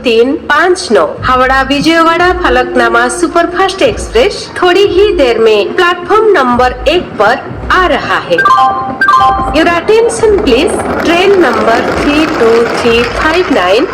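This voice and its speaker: A woman making a recorded train arrival announcement over a railway station loudspeaker, in a slow, measured, drawn-out way. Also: high voice. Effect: heard over a station loudspeaker. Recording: echoey public-address loudspeaker with loud music.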